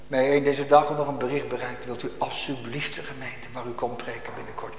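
A man preaching a sermon, swinging between loud emphatic calls and quiet, almost whispered asides. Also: medium pitch, flat delivery, a little fast, slight background noise. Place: church. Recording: echoey church hall.

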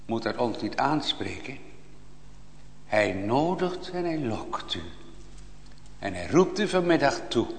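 Guy preaching real slow, voice rising and falling a lot, big echoey church hall. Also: medium pitch, sing-song. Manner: impassioned preaching, swings from hushed to loud. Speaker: pastor. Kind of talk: sermon. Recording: long reverb of a church hall.

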